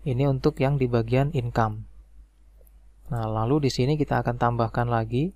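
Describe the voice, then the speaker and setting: A man calmly walking through a spreadsheet tutorial step by step, with frequent "nah" and "oke" fillers. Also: mid-range voice, moderate pace, no room sound. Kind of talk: screen-recorded software tutorial.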